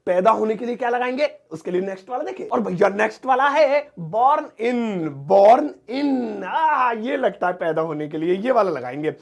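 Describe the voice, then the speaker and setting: A man's voice: sits high, expressive, moderate pace, hardly any pauses. A man teaching English in a casual classroom lesson, chatty and joking with playful asides.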